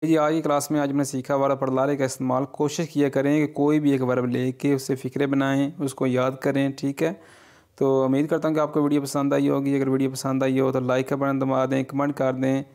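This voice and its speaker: A man's voice: medium pitch, monotone, brisk, darkish tone. A man with a Pakistani Urdu accent teaching a language lesson, patiently repeating each phrase and checking in often. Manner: frequent "theek hai ji" check-ins.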